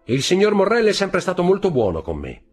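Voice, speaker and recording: A man's voice: high-pitched, wildly swooping pitch, brisk, husky, faint music behind, pitched above the performer's own voice, exaggerated voice. A man reading an audiobook, voicing an earnest, hopeful young sailor who speaks eagerly and respectfully.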